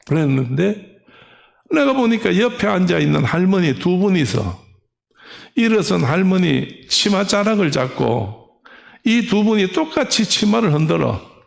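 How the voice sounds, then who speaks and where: A man's voice: high voice, gravelly. A middle-aged male pastor preaching a sermon, telling a story animatedly and acting out the voices of old women.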